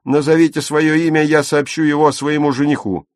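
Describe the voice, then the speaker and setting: A man's voice: lowish voice, normal speed, a little mellow, dry recording, clean studio sound, natural voice. A man voicing a proud, fiery young woman who speaks in a scornful, commanding tone in an audiobook. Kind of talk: audiobook character reading.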